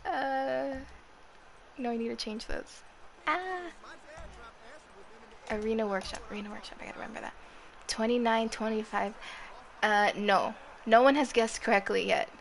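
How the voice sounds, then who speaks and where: A woman's voice: on the high side, fairly even intonation, normal speed, vocal fry, slight background noise. A woman in her twenties with a youthful, girlish voice, chatting casually with viewers on a live gaming stream and swearing freely. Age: 20s. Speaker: livestreamer.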